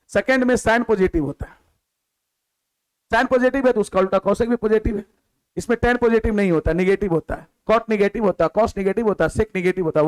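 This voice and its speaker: High-voiced man teaching a maths lecture. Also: rough recording. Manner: asks the class questions and answers them himself; repeats key words, drops to a lower voice on the answer. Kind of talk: classroom lecture.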